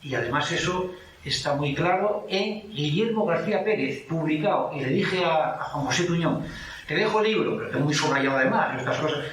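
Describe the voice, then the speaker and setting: A man's voice: a little high, brisk, a bit bright, slight background noise. A man with an Asturian Spanish accent giving a rambling, anecdotal talk on place names at a book presentation. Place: lecture hall. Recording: echoey hall from far off.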